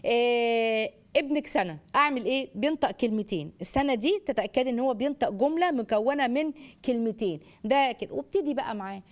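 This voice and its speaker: A woman with an Egyptian accent hosting a call-in parenting show, animated and sing-song as she models phrases for children. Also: a little high, fast talker. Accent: Egyptian Arabic. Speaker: parenting educator and radio show host. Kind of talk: call-in advice talk.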